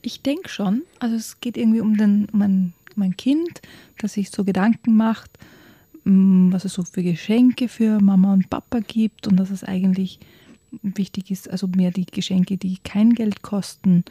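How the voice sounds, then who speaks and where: A woman hosting a casual conversation, soft-spoken and warm, often dropping close to a whisper. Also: medium pitch, steady tone, moderate pace, husky, no room sound.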